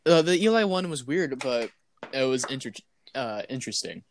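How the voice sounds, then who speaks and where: A man's voice: mid-range voice, animated, moderate pace. Young male co-host, playful rambling chat, slight background noise. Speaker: podcast co-host. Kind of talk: casual chat.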